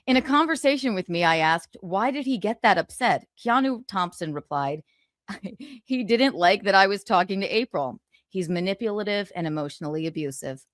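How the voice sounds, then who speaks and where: Her mid-range voice is animated and moderately paced as she livestreams, shifting from easygoing chat to reading passages from a book. She lays on gloating, sarcastic, theatrical emphasis, and the studio-quality audio has no room sound.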